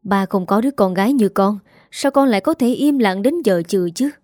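A woman's voice: medium pitch, a little fast, mellow, no echo, natural voice. Stern storybook father, older, curt and scolding, read by a woman, dry sound.

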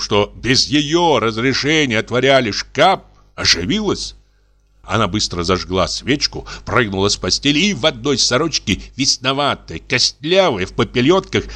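A man narrating a story in an expressive, dramatic storytelling manner. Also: mid-range voice, normal speed. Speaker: audiobook narrator. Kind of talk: scripted narration.

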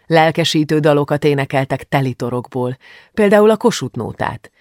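Gravelly male audiobook narrator. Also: medium pitch, no room sound, clean studio sound. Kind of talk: scripted narration.

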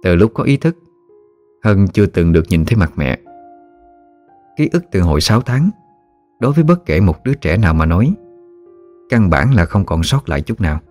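Deep-voiced male narrator, calm and measured, for a spoken story over soft music.

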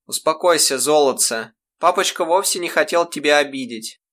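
A man's voice: medium pitch, expressive, moderate pace, pushed and bright, voice pushed up. A man voicing a doting, anxious mother with a coddling, pleading manner in an audiobook. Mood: coaxing.

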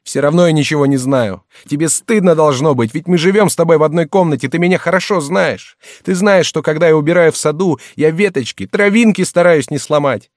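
A man's voice: on the low side, moderate pace, a little mellow, no room sound, clean studio sound, close to an everyday voice. A man reading an audiobook and voicing a young male servant who is tearful and wrongly accused, pleading in a strained, raised voice. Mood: anguished.

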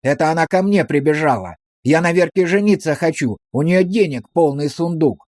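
A drunken village priest, as a male narrator plays him, gruff and blustering, shoving his words out roughly. Recorded close and dry, in the manner of a storybook reading. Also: on the high side, lively intonation, normal speed, a little mellow, no echo, natural voice.

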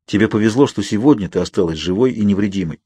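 Give me a man voicing a calm, secretive young man, low and husky, close dry recording. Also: dry recording. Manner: low, measured and slow. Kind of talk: audiobook reading.

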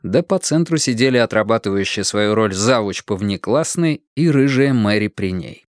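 A man reading an audiobook in a measured, dramatic storytelling manner. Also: on the low side, animated, dry recording, studio quality. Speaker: audiobook narrator. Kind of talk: audiobook narration.

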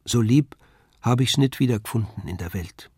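A man reading aloud, voicing a warm young puppeteer's daughter who speaks with a southern German dialect in a gentle, earnest way. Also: mid-range voice, lively intonation, moderate pace, husky, dry recording, studio quality. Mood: tender.

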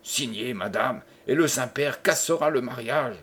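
Man reading as cold old nobleman, sinister calm, husky voice, slow. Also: medium pitch. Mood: coldly menacing. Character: cold, menacing old nobleman, constable of France.

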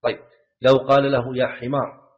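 A man's voice: medium pitch, level tone, normal speed. A man teaching a class on a legal text, often repeating key words and asking his students questions. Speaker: Islamic scholar teaching a class. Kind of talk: lecture commentary on a legal text. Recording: dull lo-fi lecture recording.

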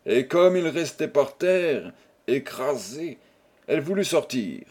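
A man narrating a classic novel as an audiobook reader, measured and expressive. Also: on the high side, slightly rough.

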